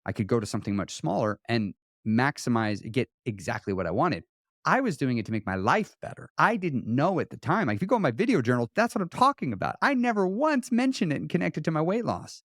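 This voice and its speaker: Animated man telling his story. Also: medium pitch, a little fast, dry recording, studio quality. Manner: animated, acts out quoted dialogue, frequent restarts. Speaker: weight loss coach, podcast guest. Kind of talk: conversational interview storytelling.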